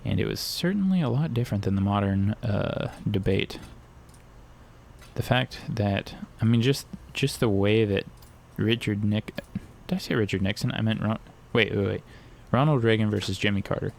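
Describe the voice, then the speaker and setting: A young man with a low, gravelly voice chats loosely over his gameplay, drifting between jokes and tangents. His crude, offhand humor keeps the commentary loose and rambling, with a faint hiss sitting under the audio. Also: moderate pace. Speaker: gaming streamer.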